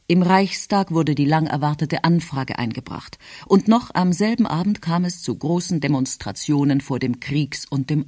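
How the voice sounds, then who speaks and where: A man reading a novel aloud as scripted narration, in a measured, expressive way. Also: a little high, no echo. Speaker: audiobook reader. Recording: dry close studio.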